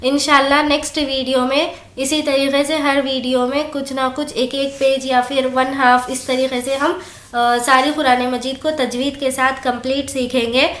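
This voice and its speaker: Woman with a high voice teaching quran reading, slow drawn-out recitation, echoey room. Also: flat delivery, fairly bright tone. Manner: explains rules plainly, then recites words slowly and drawn out. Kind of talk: slow word-by-word recitation lesson.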